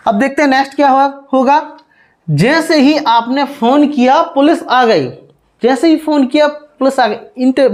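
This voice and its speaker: A man with an extremely high voice teaches English grammar step by step. He explains slowly, spells words out letter by letter, and keeps checking in with "okay."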